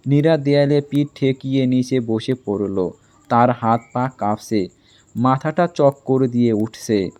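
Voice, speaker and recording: A man narrating a dramatic romance story in an even, measured storytelling manner. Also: medium pitch.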